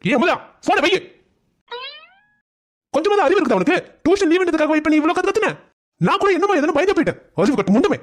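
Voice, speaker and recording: A performer voicing a gruff, impatient husband and father in a cartoon family drama, who talks bluntly and scolds. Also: extremely high pitch, very animated, quick pace, long pauses. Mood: scolding.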